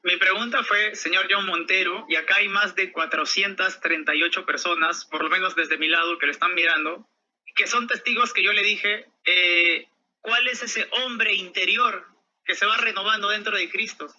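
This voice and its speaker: A man's voice: high-pitched, fairly even intonation, normal speed, bright, forceful tone, muffled recording, slight background noise. A man arguing in an online religious debate, emphatic and declaring his points like verdicts over a video call.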